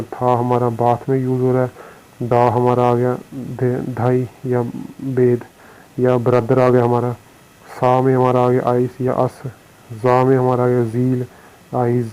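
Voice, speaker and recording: Male teacher with an Indian accent, monotone and mellow-toned, slow and repetitive board-lesson delivery. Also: mid-range voice, dull audio. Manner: slow, repetitive explanation with frequent fillers. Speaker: shorthand teacher. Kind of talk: recorded lesson explaining on a board.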